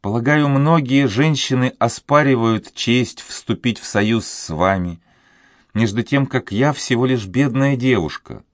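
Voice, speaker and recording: A man's voice: mid-range voice, measured pace, dry recording, studio quality, pitched above the performer's own voice, natural voice. A man voicing a sorrowful sixteen-year-old girl in love, speaking in a sad, pleading way. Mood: wistful. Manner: sad, pleading, soft-spoken.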